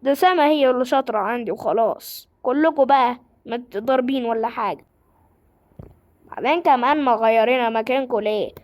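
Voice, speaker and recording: A young woman with an Egyptian accent voicing a brisk, fussy schoolteacher in a lowered voice for a doll-game drama. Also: darkish tone, natural voice. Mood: bossy. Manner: lowered, bossy classroom talk.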